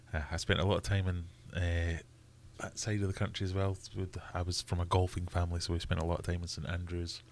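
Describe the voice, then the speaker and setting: A man's voice: low-pitched, monotone, normal speed, a little hiss or hum. A Scottish man hosting a casual livestream, chatting and reading viewer comments aloud with frequent laughs. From Scotland. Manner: chatty, laughs often, reads chat aloud. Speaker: livestream host.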